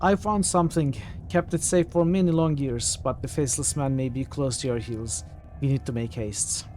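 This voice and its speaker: A man's voice: medium pitch, moderate pace, darkish tone, soft background music, natural voice. A man doing a very old spirit, weary and urgent. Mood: urgent, relieved.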